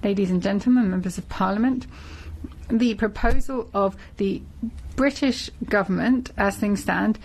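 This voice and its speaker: A woman's voice: medium pitch, normal speed, a little mellow, slightly rough, rough recording. Woman in a live interpreter voice. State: live interpreter voice, rendering a speech as it is given. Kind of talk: simultaneous interpretation of a parliamentary speech.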